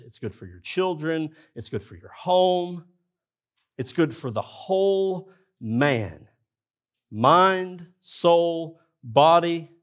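Man, pastor, sermon, earnest, talks straight to the congregation, fairly high voice. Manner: earnest, addresses the congregation directly. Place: church sanctuary.

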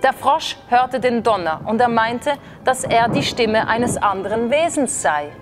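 A woman slowly reading a children's story aloud in a gentle storytelling manner. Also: on the high side, lively intonation, over music. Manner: slow, gentle storybook narration.

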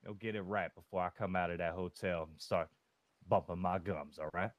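A man's voice: sits low, fairly even intonation, a little fast, slight background noise. A man playing a rambling, folksy, boastful undertaker in a western role-play over voice chat. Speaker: roleplayer as undertaker.

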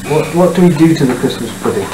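On an old VHS home video, a parent patiently coaxes a young child at home with simple questions. He talks fast in a fairly high, animated voice. The tape is noisy and echoey, recorded indoors in the family house.

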